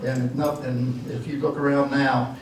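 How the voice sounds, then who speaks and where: An older candidate rambles through a folksy campaign speech at a church hall dinner, using frequent fillers. He speaks at a moderate pace in a level, mid-range voice, and the distant, echoey recording has slight background noise.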